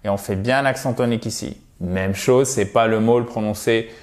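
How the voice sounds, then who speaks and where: A man whose first language is French, teaching English pronunciation and slowly repeating each word as a drill. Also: fairly low pitch, darkish tone. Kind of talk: pronunciation lesson.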